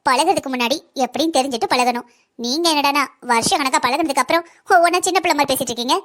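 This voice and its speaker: It's cartoon voice acting: a woman portrays a scheming young villainess who swapped a baby, taunting with sly, mocking politeness. Her voice sits high, a bit bright, and she talks very fast.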